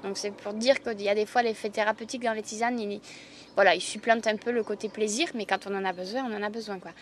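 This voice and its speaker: A woman's voice: mid-range voice, fairly even intonation, fast talker, slight background noise. A woman with a southwest French accent from the Landes, an herbalist chatting enthusiastically in an interview and laughing often. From Landes, southwest France. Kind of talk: casual interview chat.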